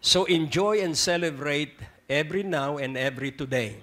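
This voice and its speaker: A Filipino man with a Filipino accent preaching a sermon, repeating key lines and switching between Tagalog and English, dropping to a hush and then rising to loud emphatic bursts. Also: a little high, normal speed. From Philippines. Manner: swings from hushed to loud emphatic outbursts. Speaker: pastor. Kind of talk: sermon with prayer.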